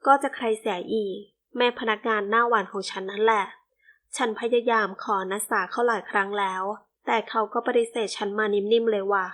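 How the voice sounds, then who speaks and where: A woman's voice: medium pitch, fairly even intonation, brisk, a bit bright, lightly acted. A woman reading the part of a teasing, easygoing young playboy in an audiobook.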